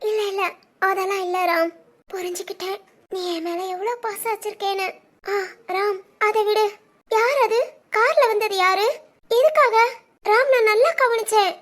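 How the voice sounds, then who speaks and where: A woman's voice: normal speed, a bit bright. A woman voicing a fragile, devoted young wife in a cartoon family drama, talking in a tearful, pleading way. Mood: suspicious. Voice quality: very high, girlish.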